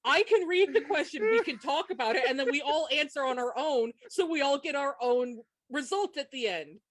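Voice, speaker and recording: Woman co-host, slightly high voice, teasing, dry close sound. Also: expressive, moderate pace, no room sound. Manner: teasing, laughs often. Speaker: podcast co-host. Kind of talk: casual chat.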